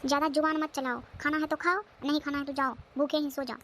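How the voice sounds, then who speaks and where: A woman voicing a cruel, bossy sister-in-law who nags and scolds loudly in a cartoon. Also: high voice, steady tone, fast, slight background noise. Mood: harsh. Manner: harsh, nagging, loud.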